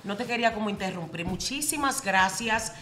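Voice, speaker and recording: Bright-voiced Dominican woman, playful guest. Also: medium pitch, expressive, brisk, a little hiss or hum. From Dominican Republic. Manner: playful, effusive. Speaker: interview guest, social media personality. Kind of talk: casual chat.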